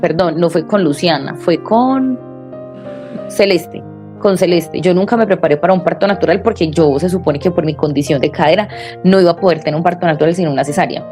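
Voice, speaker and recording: A woman's voice: lowish voice, brisk, faint music behind. A woman, an interview guest who is a mother, telling a personal story in conversation and acting out the voices of people she quotes. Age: adult mother. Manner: lively, acts out quoted dialogue.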